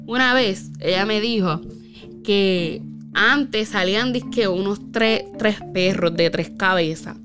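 A woman's voice: mid-range voice, slow pace, music in the background. A woman casually telling a spooky personal story, with lots of fillers and tag questions.

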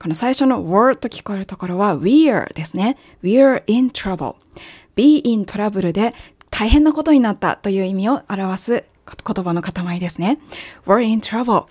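Woman, native Japanese, English teacher, clear patient explainer, dry close mic. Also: medium pitch, normal speed, a little mellow, no room sound. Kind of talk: language lesson narration.

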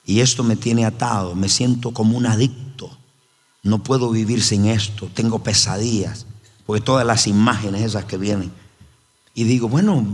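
A man's voice: lowish voice, darkish tone, husky. A man preaching a sermon as pastor, emphatic and repeating his phrases. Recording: long hall reverb.

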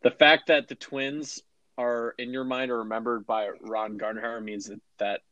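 A man's voice: mid-range voice, little pitch movement, moderate pace, a bit bright, dry recording, lo-fi sound. Teasing, skeptical male co-host, dry studio sound. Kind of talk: casual chat.

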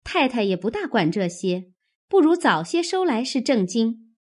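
A woman voicing a shrewd, practical young maid with a brisk, matter-of-fact manner. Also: a little high, very animated, a little mellow.

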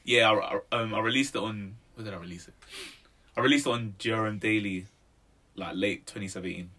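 Here a man in his twenties, a musician being interviewed, talks casually in street slang with a London roadman accent and a habit of adding "innit" and "bro." His voice is on the low side, sharp in tone, and fairly quick.

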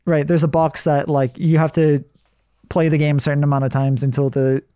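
A man with a mellow, slightly high voice talks as a show co-host. He explains things in an informal, conversational way. The recording is dry and close, with very little room sound. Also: level tone, fairly quick, clean tone, dry recording. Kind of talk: casual explanatory chat.

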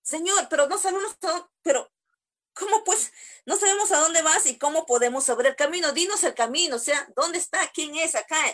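A woman's voice: very high-pitched, a little fast, fairly bright tone. A woman preacher acting out an eager, puzzled male disciple who keeps pressing with questions. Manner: pleading, questioning.

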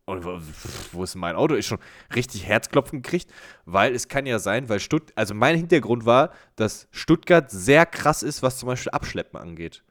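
Lively man telling a story. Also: medium pitch. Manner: animated, acts out dialogue, quick asides. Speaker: podcast co-host. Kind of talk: casual storytelling chat.

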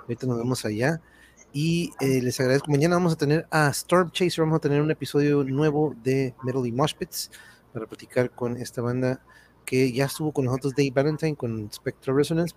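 Signing off his online livestream show casually, this host chats along and drops English phrases into his speech. He's a man with a northern Mexican accent whose medium-pitched voice is a little mellow and a little fast, and clear background noise can be heard.

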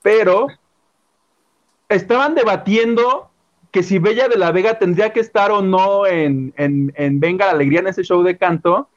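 Gossipy high-pitched Mexican man. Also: dull audio. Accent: Mexican Spanish. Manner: gossipy, dramatic, rapid. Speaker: show co-host. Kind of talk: casual chat.

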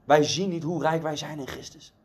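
Give me a man giving an earnest, conversational sermon, fairly high voiced. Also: steady tone, normal speed, husky. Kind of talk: devotional storytelling sermon.

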